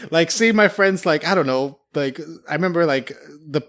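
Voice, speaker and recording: A man's voice: a little high, moderate pace, fairly bright tone. A young man telling casual stories about his military training, rambling with lots of fillers and laughing often. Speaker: podcast guest, military veteran. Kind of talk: casual storytelling chat.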